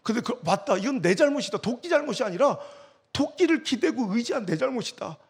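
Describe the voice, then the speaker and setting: A middle-aged male pastor preaching an impassioned revival sermon, swinging between loud exhortation and hushed storytelling. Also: extremely high pitch, animated, brisk, creaky, husky. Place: church hall at a youth retreat.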